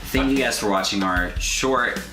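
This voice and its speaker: Guy with a lower voice chatting enthusiastically about a review, echoey and noisy. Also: moderate pace, loud music behind the voice. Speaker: co-host of a review show. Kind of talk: casual group review chat. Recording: echoey room with noticeable noise.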